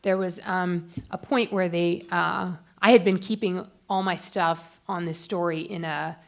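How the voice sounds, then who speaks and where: A woman's voice: fairly low pitch, steady tone, measured pace, vocal fry. A woman reporter speaking on a panel, telling a story in a chatty way with many fillers. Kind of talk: anecdotal panel talk.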